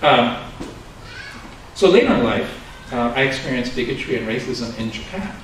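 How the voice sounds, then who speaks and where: This man in his sixties, a Buddhist minister from Los Angeles, delivers a conversational dharma talk full of self-deprecating humor and frequent chuckles. He speaks at a moderate pace in an animated, mid-range voice, captured in an echoey room by a distant mic with background noise.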